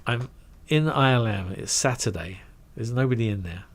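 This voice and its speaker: A middle-aged man telling a career story in a casual, animated way, acting out quoted voices and trailing into asides. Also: mid-range voice, normal speed. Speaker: guest recounting his career.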